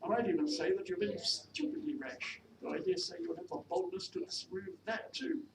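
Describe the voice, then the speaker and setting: A sing-song, mid-range voice, pushed up and a little fast, gives life to a haughty widow of the minor gentry as she scolds indignantly in bossy, formal period-novel speech. The recording comes from an echoey, noisy room with the microphone placed far off.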